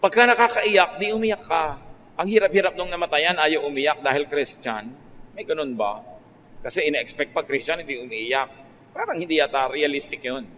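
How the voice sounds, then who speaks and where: A Filipino pastor preaches with easy, joking asides in a somewhat high voice. His words ring out with a long reverb in a large hall. A faint ambient hum sits under the talk. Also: normal speed, bright, forceful tone. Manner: conversational preaching, mixing Tagalog and English, playful asides. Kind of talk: sermon.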